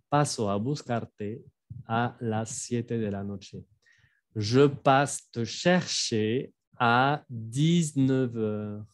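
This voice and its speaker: A French teacher, a man whose first language is French, gives a language lesson from his home office, conjugating verbs and explaining example sentences. His voice is mid-range and slow. He enunciates each example slowly and carefully, while his explanations are relaxed and chatty.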